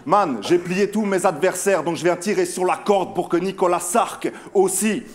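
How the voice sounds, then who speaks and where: Sneering high-voiced young battle rapper. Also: male voice, normal speed, faint music behind. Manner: mocking, sneering delivery. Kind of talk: a cappella rap battle verses.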